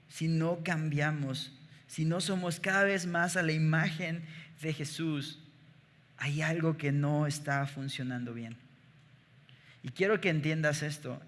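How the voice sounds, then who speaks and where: A man's voice: fairly high pitch, sharp tone. A young adult man with a Mexican accent, preaching a live sermon to his congregation with emphatic rhetorical questions. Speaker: pastor. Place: church sanctuary. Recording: reverberant church hall.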